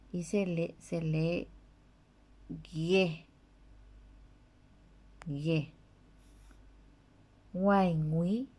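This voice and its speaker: A woman teacher works through a lesson, naming letters and sounding out their syllables with careful repetition. Her voice is dark and gravelly, and she speaks at a very unhurried pace with a slightly low pitch. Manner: spells out letters and syllables one by one, repeating each. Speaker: language teacher. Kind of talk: slow read-aloud language lesson.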